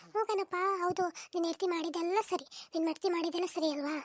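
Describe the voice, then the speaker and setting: Woman doing a squeaky old cartoon mother-in-law, whiny and dramatic, talks super fast, dry close mic. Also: steady tone, dry recording. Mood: wailing. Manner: wailing, bickering, melodramatic laments. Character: complaining elderly mother-in-law, self-pitying and dramatic. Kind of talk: comic cartoon dub.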